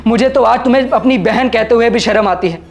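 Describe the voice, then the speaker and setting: A man's voice: very high-pitched, brisk, vocal fry, soft background music. An actor playing a protective older brother who firmly scolds his sister. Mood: stern. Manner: firm, scolding. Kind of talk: short film acting.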